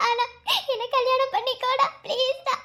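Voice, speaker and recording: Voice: very high voice, level tone, normal speed, sharp tone. A performer voicing a betrayed young pregnant woman in a cartoon love story, pleading and wailing through tears.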